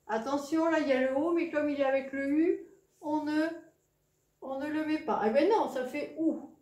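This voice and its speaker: A woman's voice: high voice, moderate pace, a little mellow, reverberant. A woman teaching a reading lesson to young children, patient and encouraging.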